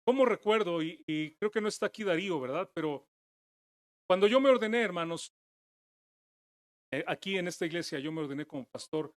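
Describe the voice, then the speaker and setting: A man preaching a sermon as pastor, earnest, dropping his voice low and soft and then rising to emphatic declarations. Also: animated, a little fast, pauses often, dry recording, clean studio sound. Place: church.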